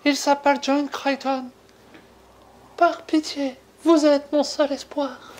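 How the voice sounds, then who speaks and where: A woman voicing a panicked young woman from Earth who pleads for help in a high voice. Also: level tone, slow, darkish tone. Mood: pleading.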